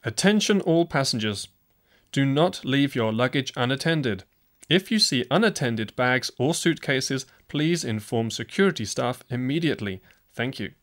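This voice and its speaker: A man's voice: medium pitch, animated, moderate pace. Formal male airport announcer. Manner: formal and clear. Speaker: announcer in a listening exercise.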